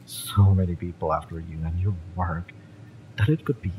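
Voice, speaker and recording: A man voices a bitter, fiery young mercenary for a listener-directed romance audio roleplay, sounding taunting, sardonic, and impatient, with sighs and curses. His deep, darkish voice stays fairly even at normal speed and is close to an everyday voice, in a rough recording with slight background noise.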